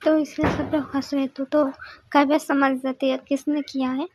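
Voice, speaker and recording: High-voiced young woman telling a chatty story. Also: level tone, normal speed, darkish tone, a little hiss or hum. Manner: chatty, loose storytelling with fillers and laughs. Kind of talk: casual spoken story retelling.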